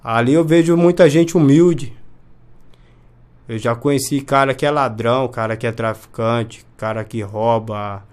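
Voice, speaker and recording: A man's voice: medium pitch, a little slow, darkish tone, clean tone. Earnest man, mid-range voice, testimonial interview delivery. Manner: earnest, often asks "entende?".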